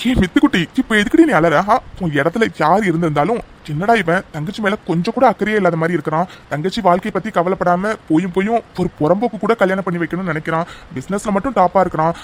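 A man's voice: sits high, fast, few pauses. A man voicing a chatty, affectionate older brother in a cartoon story, teasing as he talks.

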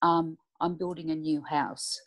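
Low-voiced woman describing a dream. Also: level tone. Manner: detailed, deliberate descriptive telling. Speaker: class participant asking a question.

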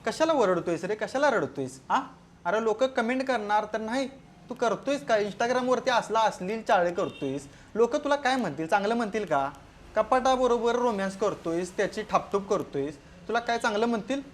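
A man's voice: high voice, animated, normal speed, a little hiss or hum. Man roasting with crude mockery. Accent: Marathi. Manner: scolding, crude and teasing. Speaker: roast commentator. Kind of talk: mocking comedy roast commentary.

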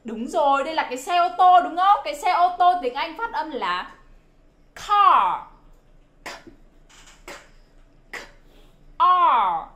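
A woman's voice: sits high, sing-song, moderate pace, long pauses. A woman teaching children phonics, exclaiming often and drilling sounds by repetition. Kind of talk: phonics lesson for kids. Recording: roomy echo.

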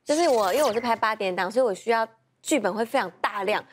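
A woman's voice: on the high side, fast talker, slight background noise. A woman, a guest actress on a studio talk show, telling stories and acting out scenes with bursts of laughter. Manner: animated, acts out scenes with laughter. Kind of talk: lively anecdote telling.

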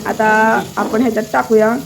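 A hoarse woman, chatting playfully to her viewers in a home cooking vlog from her kitchen. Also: on the high side, flat delivery, brisk, background noise.

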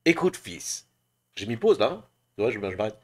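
Chatty man with a lively voice. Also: on the low side, fast talker. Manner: chatty, hesitant, many fillers. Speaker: voice actor showing his work. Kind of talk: casual demo talk.

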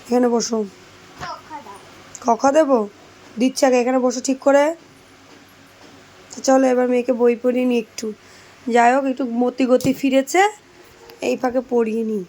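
A hoarse woman in her thirties, a mother vlogging while she scolds her child to wake up and study. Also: high voice, level tone, moderate pace, long pauses, mellow. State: hoarse from daily shouting. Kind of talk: casual family vlog.

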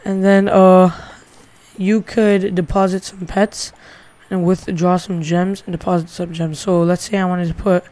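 A man's voice: high voice, flat delivery, measured pace, darkish tone. Rambling casual male gaming host. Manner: rambling, thinking aloud with many "like" fillers. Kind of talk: casual game tutorial commentary.

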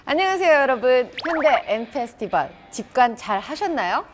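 Upbeat host in her thirties, a woman, fairly high voice with a wide swing, background music. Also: sing-song, normal speed. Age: 30s. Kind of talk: bright, teasing talk-show hosting.

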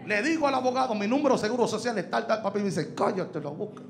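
A high-pitched, gravelly man preaching with fire, dropping to a hush to tell his story and then bursting into shouts. Faint music plays behind him. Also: racing. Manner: storytelling, swings from hushed to shouting. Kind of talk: sermon testimony.

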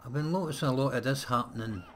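Fast-talking and mid-pitched, a man provides casual let's-play commentary on a strategy game, alternating between chatter and muttering to himself. A desk mic sits close to him, and there's background noise.

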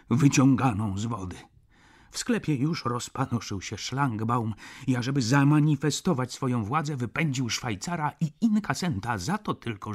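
A man reading an audiobook, narrating in the first person in a measured, reflective manner. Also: mid-range voice, slightly rough. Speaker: audiobook reader.

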